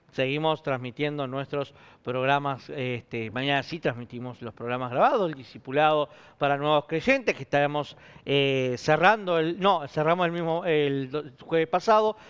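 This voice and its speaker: Man, Rioplatense accent, pastor, church announcements, informal, smooth voice, muffled recording. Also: a little high, normal speed, a bit bright. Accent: Rioplatense Spanish. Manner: informal, chatty, with many fillers. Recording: muffled lo-fi stream.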